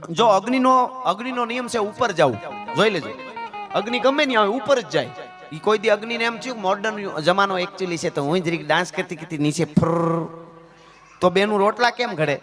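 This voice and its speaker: A man's voice: sits high, fairly bright tone. A man telling a folk story on a live stage, dramatic and rhythmic, joking with the audience. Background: folk instrumental music.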